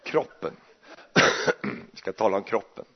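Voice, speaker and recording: A man's voice: on the low side, breathy edge. A male preacher, giving a chatty, joking sermon full of restarts. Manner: chatty and jokey, with many restarts. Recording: muffled, dull recording.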